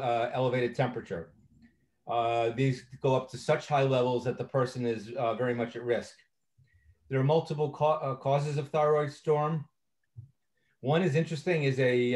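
A man's voice: medium pitch, darkish tone. Guy teaching a med training session, chatty, lots of uhs, restarts himself. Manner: conversational, frequent uh fillers and self-corrections. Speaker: presenter. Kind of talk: recorded training lecture.

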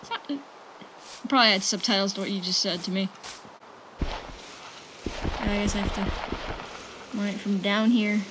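A woman giving casual, excitable commentary while she plays a game, reacting with yelps and gasps. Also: mid-range voice, measured pace, pauses often. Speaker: gaming channel host. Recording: noisy home recording with mouse clicks.

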